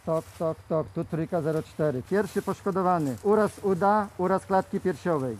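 A soldier reporting casualties over a two-way radio, using clipped radio procedure talk. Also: male voice, high voice, moderate pace, a little mellow, a little hiss or hum. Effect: heard over a two-way radio.

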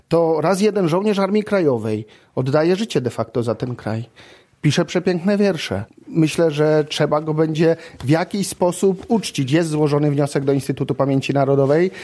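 A man's voice: fairly high pitch, mellow. A young man who works as a local regional historian, speaking earnestly in a documentary interview. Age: young adult.

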